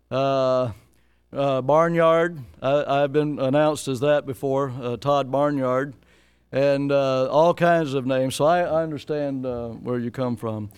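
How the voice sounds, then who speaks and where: A man's voice: medium pitch, fairly even intonation, a little slow, a little mellow, clear, resonant tone, no room sound. A man, the pastor, introducing a guest missionary to his church in a folksy, joking way with frequent uh's.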